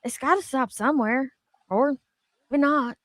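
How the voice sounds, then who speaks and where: A high-pitched woman talks a little slowly as a co-host in a casual, gossipy chat, swearing freely and being blunt while reading comments aloud with drama. The recording has no room sound.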